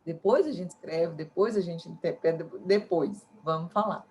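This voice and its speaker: A woman's voice: lowish voice, normal speed, a little mellow, dull audio, a little hiss or hum. A Brazilian woman, an English student, talking casually and hesitantly with many fillers. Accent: Brazilian Portuguese. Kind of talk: casual chat, practicing English.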